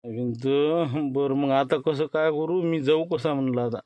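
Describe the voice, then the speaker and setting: A man's voice: mid-range voice, normal speed, mellow, dry recording, natural voice. A man with a Varhadi Marathi accent playing a grumbling small-time thief in a village comedy sketch, haggling and complaining.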